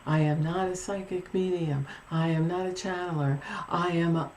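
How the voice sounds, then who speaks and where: A woman voicing a disembodied male spirit voice that repeats calm, insistent introductions. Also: lowish voice, normal speed, a little hiss or hum, close to an everyday voice.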